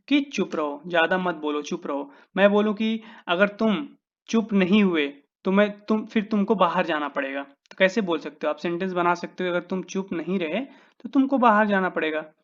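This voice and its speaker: A man's voice: sits high, lo-fi sound. A man with an Indian accent teaching English phrases in a casual lesson, drawing out his example sentences word by word and calling his viewers "guys".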